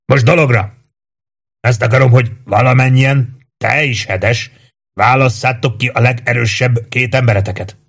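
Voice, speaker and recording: A man voicing a gruff veteran commander who barks scornful orders at exhausted soldiers. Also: medium pitch, steady tone, voice pushed up. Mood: commanding. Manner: barking, scornful.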